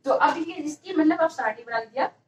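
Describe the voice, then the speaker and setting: A woman's voice: high-pitched, fairly quick, echoey room, far from the mic, slight background noise, low-quality recording. A woman teaching an exam-prep grammar lesson, repeating each question and answering it herself.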